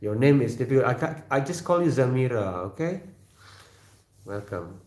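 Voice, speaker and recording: Here a male livestream host with an Indonesian accent, not native in English, reads viewer comments in a casual, halting manner marked by fillers, repeated words and frequent throat clearing. He speaks at medium pitch, very animated and a little mellow, in an echoey room.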